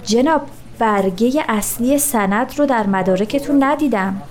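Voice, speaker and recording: A firm woman office manager, formal and curt, voiced by a woman reading a story. Her voice sits fairly high and she keeps every word polite and businesslike. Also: a little mellow, lightly acted.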